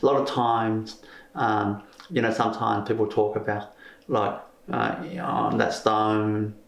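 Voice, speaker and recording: A man from Vietnam who answers interview questions haltingly, searching for his words. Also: fairly low pitch, little pitch movement, creaky. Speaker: crystal healer being interviewed. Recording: roomy echo.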